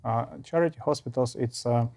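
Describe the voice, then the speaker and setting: A man from Ukraine with a Ukrainian accent, a charity founder answering interview questions haltingly with many fillers. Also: medium pitch, a little mellow.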